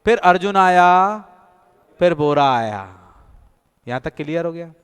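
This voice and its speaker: A man teaches an online exam-prep class. He drills names through little stories and repetition. His voice is smooth and slightly high, with a long echo from the room. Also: animated, a little slow. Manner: storytelling, repetitive memory drills. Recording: echoey room with long reverb.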